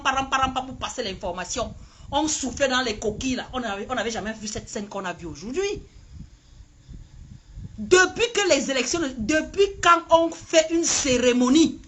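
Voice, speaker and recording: Animated woman live-streaming. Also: high voice, husky. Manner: animated, laughing, rallying her viewers. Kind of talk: casual political live stream.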